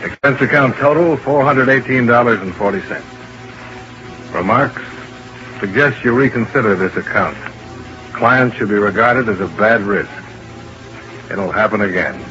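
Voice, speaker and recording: A man's voice: on the low side, unhurried, long pauses, bright, forceful tone, faint music behind. An actor playing a hard-boiled male investigator in an old-time radio drama, narrating in terse, clipped first person. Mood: dry. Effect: old-time radio broadcast. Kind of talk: 1950s radio drama acting. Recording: muffled vintage radio broadcast with hiss.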